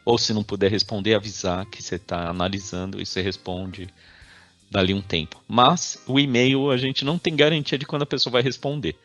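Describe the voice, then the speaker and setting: A man's voice: on the low side, brisk, fairly bright tone, soft background music. A man with a Brazilian Portuguese accent giving an informal workplace training talk, chatty and conversational, often ending his sentences with a questioning "né?". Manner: conversational, tags sentences with frequent "né?".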